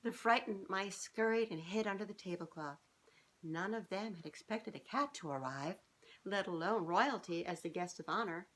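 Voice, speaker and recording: The audio quality is poor in this clip of a middle-aged woman reading a children's book in a small, furnished living room. Her pitch is fairly low and a bit bright, and she reads with expression, talking directly to the kids listening.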